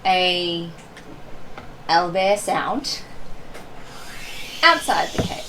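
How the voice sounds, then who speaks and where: A woman's voice: lowish voice, lively intonation, drawn-out words. A woman chatting casually as a player in a tabletop role-playing game. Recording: distant mic, noisy room ambience.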